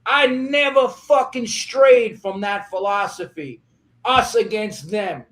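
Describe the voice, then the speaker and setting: Interview guest, man, higher register, heated profane rant. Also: a bit bright. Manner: angry, profane, rapid ranting.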